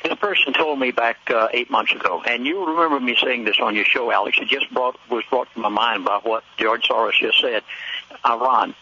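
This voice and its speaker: Urgent, husky-voiced man on a phone line. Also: mid-range voice, a little fast, pushed and bright. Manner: urgent, preachy, addresses listeners directly. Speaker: radio guest. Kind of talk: radio interview.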